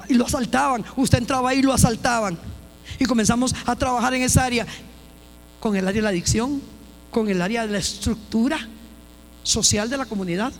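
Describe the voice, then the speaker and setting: A woman pastor giving a personal testimony in a church, telling her story emphatically with repeated phrases and restarts. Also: fairly high pitch. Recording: long hall reverb with faint mains hum.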